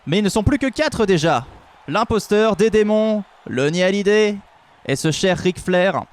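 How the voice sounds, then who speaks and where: A man's voice: high-pitched, a little slow. A man hosting a live stream and commentating fights with jokey, mock-serious banter. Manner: jokey, mock-serious, rises into excited calls. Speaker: host and commentator.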